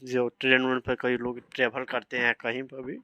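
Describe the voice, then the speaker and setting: A man's voice: medium pitch, completely flat delivery, normal speed, pushed and bright, dry recording, muffled recording. A man teaching a vocabulary lesson. He spells each word out letter by letter and keeps asking if his students follow. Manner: spells words letter by letter, often asks "samajh rahe na".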